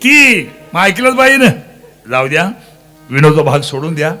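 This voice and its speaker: A man's voice: on the high side, sing-song, normal speed, sharp tone, faint music behind. A man preaching a devotional kirtan, teasing and quizzing his listeners and breaking into sung verses. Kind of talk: Marathi devotional kirtan sermon.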